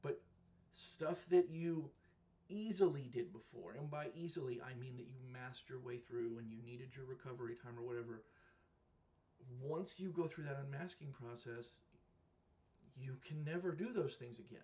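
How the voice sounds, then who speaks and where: A man in his thirties or forties, a reaction video creator, talks to camera with a medium-pitched, dark voice at a normal speed. His commentary is earnest and casual, packed with fillers and restarts.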